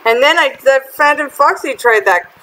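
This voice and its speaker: High-voiced chatty woman gaming host. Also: normal speed, slight background noise, low-quality recording. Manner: chatty, excitable, exasperated with other players. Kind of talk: casual gameplay commentary.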